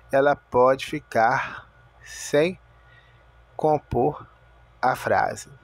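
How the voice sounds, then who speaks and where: Guy teaching english words real slow, patient, repeats everything, dead dry mic. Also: fairly high pitch, dry recording. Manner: patient, repeats each word and spells out its sounds. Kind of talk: slow explanatory video lesson.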